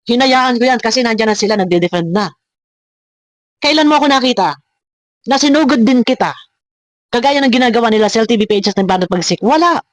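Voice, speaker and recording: The voice is a woman's, fairly high and fairly quick, broken by long pauses, with no echo. She hosts a reaction video and rants confrontationally at critics, full of repetition and rhetorical questions.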